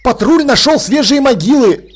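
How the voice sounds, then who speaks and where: In an audiobook, a man plays a pushy young reporter who can't stop asking questions, his voice pitched up high and breathless with eagerness. He keeps begging and pressing for answers. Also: lively intonation, husky, heavily acted. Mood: excited. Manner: breathless, pleading, rapid-fire questions. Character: eager young male newspaperman, pushy and excitable.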